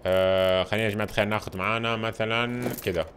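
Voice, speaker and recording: A man giving casual, excitable commentary while playing a video game, talking to his viewers all the time. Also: fairly low pitch, racing, slight background noise. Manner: excitable, chatty, addresses viewers constantly.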